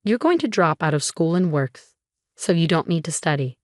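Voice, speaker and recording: A cold, dismissive storybook mother speaks in curt, belittling lines, read by a woman narrator. The voice is fairly low, and the sound is dry and close. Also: animated, moderate pace, dry recording. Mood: scornful.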